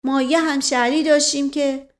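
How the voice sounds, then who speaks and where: A woman voicing a rustic old male servant who tells tall tales in a slow, folksy drawl. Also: sits high, fairly even intonation, pitched above the performer's own voice, lightly acted. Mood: earnest. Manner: drawling folksy storyteller with a stock opener.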